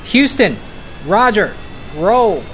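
A woman voicing a steady, official mission control announcer in a space re-enactment, clipped and procedural. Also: mid-range voice, slow pace, a little hiss or hum.

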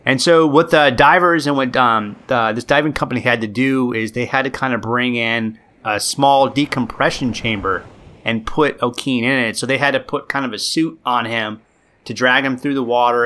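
Bright-voiced man telling a story. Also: medium pitch. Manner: animated, with many likes and fillers. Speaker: podcast co-host telling a story. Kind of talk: casual storytelling chat.

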